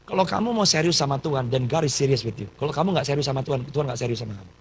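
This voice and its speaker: A man's voice: medium pitch, animated, very fast, slight background noise, low-quality recording. A man from Surabaya, a pastor, preaching a personal testimony with a Surabaya Indonesian accent and mixing in English phrases. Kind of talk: sermon testimony.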